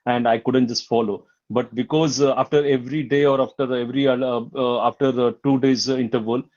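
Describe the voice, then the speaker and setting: A man's voice: medium pitch, fairly even intonation, brisk, darkish tone, muffled recording. A man from Maharashtra, a language learner speaking hesitantly with many fillers and restarts. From Maharashtra, India.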